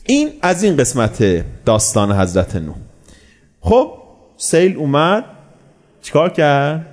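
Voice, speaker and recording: With a slightly high voice, a man preaches, narrating a story in an animated way. He poses rhetorical questions and responds to them himself.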